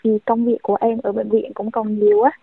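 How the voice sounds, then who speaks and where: This phone interview features a young woman doctor in her thirties whose high-side voice is gravelly, fast, and shows little pitch movement. The telephone line sounds tinny and dry with no room sound, and she speaks earnestly with frequent fillers.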